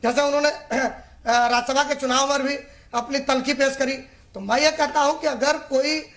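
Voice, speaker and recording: A man's voice comes in over a phone line, pitched high and sometimes sounding distant. He argues as a party spokesperson in a political debate. He is insistent and talks over the host, stumbling into restarts as he pushes on. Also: steady tone, normal speed, a bit bright.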